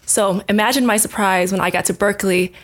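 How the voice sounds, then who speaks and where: A young woman in her twenties shares a personal story in a relaxed faith conversation. She is an animated storyteller who laughs often and acts out what people said. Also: mid-range voice, fairly quick. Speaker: guest sharing testimony. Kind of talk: casual faith chat.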